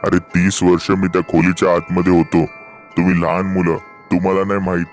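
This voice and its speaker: A man voicing a deep, menacing vengeful ghost. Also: level tone, a little fast, music in the background, natural voice. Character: vengeful male ghost possessing a young man.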